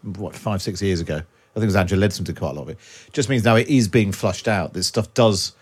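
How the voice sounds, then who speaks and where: A man hosting a political radio podcast in a brisk, jokey, chatty way. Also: sits low, husky. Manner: brisk, jokey, laughs often. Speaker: radio presenter.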